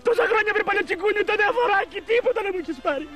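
Guy doing a shrill naggy wife, super high voice, whines at her cheap husband. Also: lively intonation, over loud music. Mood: tearful nagging. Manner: whiny, nagging, shrill complaints. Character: nagging middle-aged wife on the beach. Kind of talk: comedy sketch.

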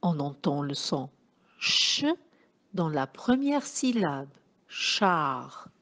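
A woman teacher with a low, sing-song voice gives young children a phonics lesson, slowly dictating and sounding out words syllable by syllable while warmly calling her pupils children.

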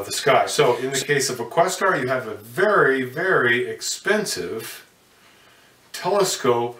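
Bright and forceful at a medium pitch, an older man gives a hands-on telescope mount demonstration indoors in front of a curtain. He speaks folksily with many fillers and self-corrections, and the recording comes across roomy and a little distant.

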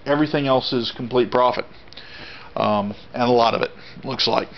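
Speaking at normal speed in a medium-pitched voice, a Texan man in his thirties gives a casual walkthrough of his auction haul, plainspoken and rambling with many restarts. The reseller vlog is shot handheld in an indoor storage room, and the lo-fi camera audio sounds dull with clear noise.

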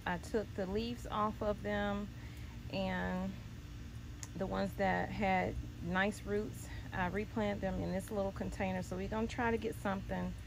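A woman's voice: mid-range voice, little pitch movement, unhurried, gravelly, noisy background. A woman casually walking viewers through her backyard garden, chatty and exclamatory, calling them y'all. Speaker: home gardener vlogger.

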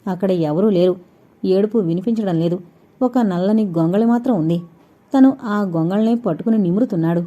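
A woman reads a suspense story aloud in a deep, mellow, dark-toned voice. She keeps a steady, measured pace and lets quiet dramatic pauses hang between sentences. The recording is dull and lo-fi. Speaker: audiobook narrator. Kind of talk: storytelling narration of a suspense novel.

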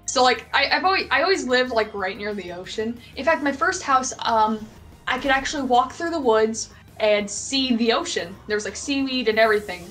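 A woman's voice: on the high side, expressive, moderate pace, fairly bright tone. A woman from Maine chatting casually while gaming, rambling with lots of fillers, swearing freely and laughing often. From Maine, USA. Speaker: co-host of a gaming stream. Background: game music.

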